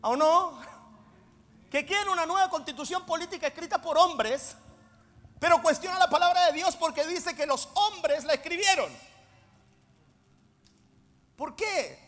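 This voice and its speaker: A man preaching a sermon, swinging between loud emphatic declarations and low, intense asides. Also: unhurried, pauses often. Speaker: apostle preaching. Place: church hall. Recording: long reverb of a large hall.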